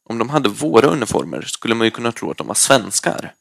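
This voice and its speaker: A man reading aloud voices a nervous, cautious schoolboy in a hushed, hurried way. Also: mid-range voice, big pitch swings, vocal fry, exaggerated voice. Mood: uneasy.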